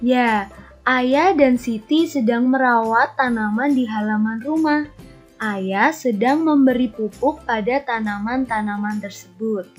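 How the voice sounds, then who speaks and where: A woman's voice: on the high side, measured pace. A woman primary school teacher giving an online lesson to young children, encouraging them and asking them to pay attention. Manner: encouraging, addresses children directly, tag "ya". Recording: lo-fi recording with faint music.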